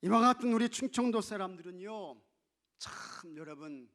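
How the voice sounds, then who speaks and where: A man preaching a sermon as pastor, shifting from loud exclamations to hushed asides and playfully mimicking regional dialects. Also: high voice, lively intonation, normal speed. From not from Chungcheong. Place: church sanctuary.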